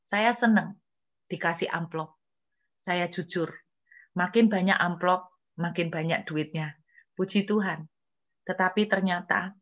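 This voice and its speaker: A woman's voice: lowish voice, lo-fi sound. A woman evangelist preaching a humorous storytelling sermon, often turning to address the congregation.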